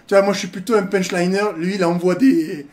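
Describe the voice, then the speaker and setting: Hosting a laid-back reaction video, a man speaks briskly in a high, steady, slightly mellow voice. His humor is crude and he laughs a lot, but his digressive asides sometimes turn serious.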